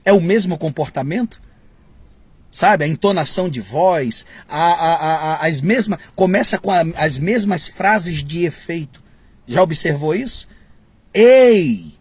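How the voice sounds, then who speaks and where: A fervent Brazilian male preacher with a very husky, breathy voice, pitched a little high for a man. He preaches with rising emphatic bursts and slips into mocking mimicry to make his point. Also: measured pace, no room sound. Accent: Brazilian Portuguese. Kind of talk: sermon.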